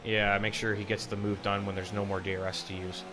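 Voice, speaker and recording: A man's voice: lowish voice, little pitch movement, fairly quick, over a noisy crowd. A man doing live, casually phrased motorsport commentary on an online race as the lead commentator. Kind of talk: live sim racing commentary.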